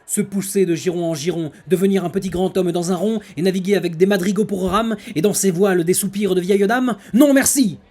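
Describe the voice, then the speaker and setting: A man's voice: high voice, a little fast, mellow, voice pushed up. A man playing a proud, defiant poet-swordsman, declaiming theatrical verse like a hammy stage actor, scornful and exclaiming. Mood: scornful, mounting outrage.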